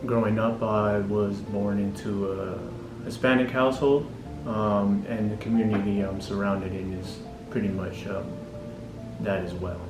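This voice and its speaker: A man's voice: fairly low pitch, flat delivery, unhurried, recorded from a distance. A young man from California's Central Valley, a community college student, giving a hesitant, unscripted testimonial with frequent ums. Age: young adult. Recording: roomy, off-mic, music underneath.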